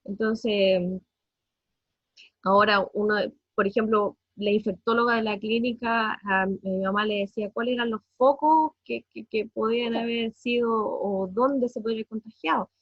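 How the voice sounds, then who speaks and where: Speaking Spanish with a Chilean accent, a mother in her thirties tells of her family's ordeal in an emotional personal testimony, her husky, slightly breathy voice sitting on the high side. She hesitates and repeats words often, uses many fillers, and her voice cracks from distress. The recording is close and dry, without room sound, and muffled in the highs.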